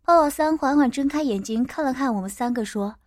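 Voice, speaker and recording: A woman narrating a first-person story in a steady audiobook manner. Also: high-pitched, a little fast, no echo, studio quality.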